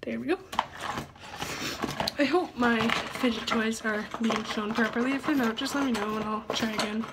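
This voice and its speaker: A woman's voice: a little high, steady tone, normal speed, very noisy. A teenage girl vlogging casually, chatty and giggly, rambling as she shows off her things. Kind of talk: casual show-and-tell.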